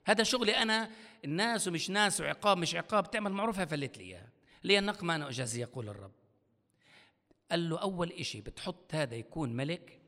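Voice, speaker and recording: A man preaching a sermon as pastor, animated, acting out voices, scolding and pleading. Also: fairly high pitch. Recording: long hall reverb.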